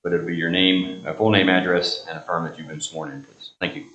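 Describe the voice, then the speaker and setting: A man's voice: deep voice, steady tone, brisk, fairly bright tone, highs cut off. An American man chairing a public meeting, reciting formal procedure and oaths in a rote, formulaic way. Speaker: board chairman presiding over a public meeting. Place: indoor township meeting room. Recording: echoey public meeting room.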